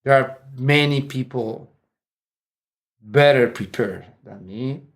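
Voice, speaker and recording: Taking his time in a mid-range voice, a martial arts instructor in his forties from Mexico chats as a seated interview guest in an indoor room. His Mexican Spanish accent colors the casual conversation. He laughs frequently and restarts sentences along the way.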